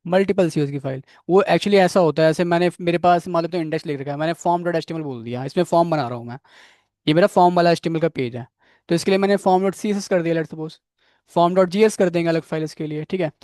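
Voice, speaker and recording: A man with a fairly high, a little mellow voice teaches web development at a brisk pace in a live coding lecture, captured in clean studio sound without room ambience. As a programming instructor, he keeps asking students questions and repeating "ठीक है", and he admits struggling with a technical word.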